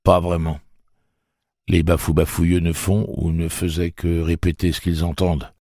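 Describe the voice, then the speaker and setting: A man voicing a calm, weathered adult gunslinger who speaks in a knowing way. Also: sits low, normal speed, dry recording, studio quality, voice pushed up.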